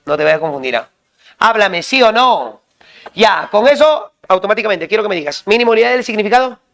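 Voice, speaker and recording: A male teacher drilling students with quick questions and repeated call-and-response prompts. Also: sits high, animated, fairly bright tone. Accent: Peruvian Spanish. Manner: quizzing, repetitive call-and-response.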